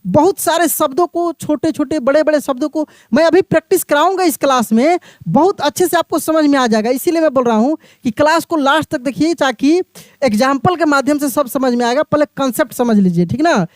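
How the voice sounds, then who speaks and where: A man teaching a beginners' reading lesson, explaining slowly, repeating each word and putting questions to the listener. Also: very high voice, dry recording, clean studio sound. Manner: addresses the viewer as my friend.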